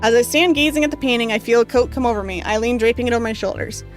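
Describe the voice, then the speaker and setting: This high-leaning female voice moves very fast over faint background music as she reads a visual novel's narration and chats informally with viewers. Reading so much has left her voice worn, she coughs every so often, and her speech rambles with many fillers.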